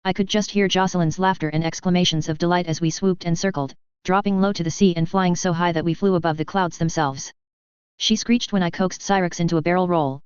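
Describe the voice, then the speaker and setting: A woman narrating a fan-fiction story in first person, with a steady, smooth reading. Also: fairly low pitch, dry recording. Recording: dull lo-fi recording.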